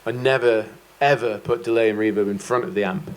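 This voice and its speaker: A man's voice: fairly low pitch, steady tone, a little fast. A man giving a guitar masterclass, talking casually and rambling a little, with self-deprecating jokes. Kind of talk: casual explanatory chat.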